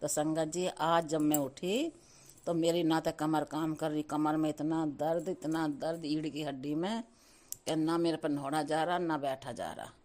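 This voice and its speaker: A woman's voice: sits low, steady tone, unhurried, a little mellow. A middle-aged woman telling a devotional testimony, repeatedly addressing listeners and chanting words of thanks. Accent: Hindi with Punjabi-flavoured devotional terms.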